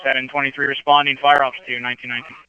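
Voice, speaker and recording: A man's voice: mid-range voice, level tone, very fast, clean tone, dull audio. A man working as a fire dispatcher, delivering clipped dispatch calls over two-way radio. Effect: two-way radio transmission.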